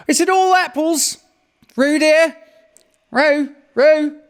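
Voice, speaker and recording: A man's voice: extremely high pitch, slow pace, pitched above the performer's own voice. A man voicing a doting mother kangaroo, calling out anxiously.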